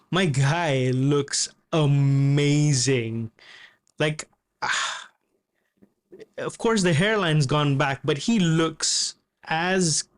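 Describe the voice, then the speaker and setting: Chatty young-sounding man reacting casually. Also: fairly high pitch. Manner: relaxed, chatty, laughs often. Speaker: YouTuber and comedian reacting to a clip.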